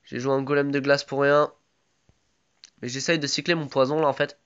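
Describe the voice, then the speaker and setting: A man's voice: medium pitch, little pitch movement, normal speed, fairly bright tone, smooth, highs cut off. A man with a sore throat giving casual live commentary on his own game, chatty and full of gamer slang.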